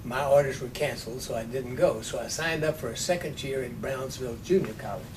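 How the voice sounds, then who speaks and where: A man in his nineties from Texas, telling stories from his life in an unhurried way with dry humor in an oral history interview. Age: 90s. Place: office with large windows. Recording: distant mic, rumbling noise.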